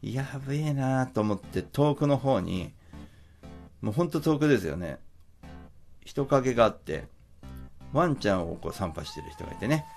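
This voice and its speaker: A man's voice: medium pitch, huge pitch swings, normal speed, long pauses, faint music behind. A middle-aged man, a musician, telling a travel story in a chatty, casual way, with many fillers and acted-out quotes.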